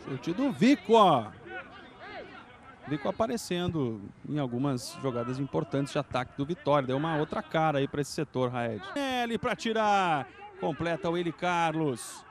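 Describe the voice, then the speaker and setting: A Brazilian man giving excited live play-by-play football commentary, exclaiming and stretching out his big calls. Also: on the high side. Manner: exclamatory, with drawn-out shouted calls.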